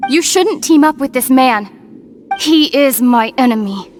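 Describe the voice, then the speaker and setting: A woman playing a young princess of a dark order in a video game, speaking gravely and formally, with measured resolve. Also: high voice, lively intonation, over music. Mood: stern. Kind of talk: dramatic video game cutscene acting.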